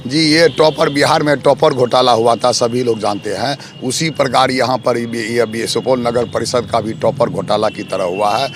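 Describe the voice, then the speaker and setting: A man running as a local election candidate, answering interview questions in a forceful, accusatory way, piling up lists of grievances. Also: medium pitch, fairly even intonation, moderate pace, few pauses, slight background noise.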